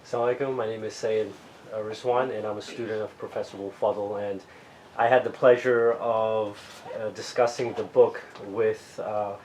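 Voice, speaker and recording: A man's voice: fairly low pitch, steady tone, normal speed, darkish tone, slight background noise, low-quality recording. A man, a student who tutored the group, introducing himself modestly with fillers. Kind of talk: self-introduction.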